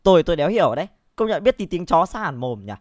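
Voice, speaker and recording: A man's voice: on the high side, sing-song, quick pace, heavy background noise. A Vietnamese man hosting a reaction video, joking crudely, swearing often and laughing a lot. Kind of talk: casual reaction commentary.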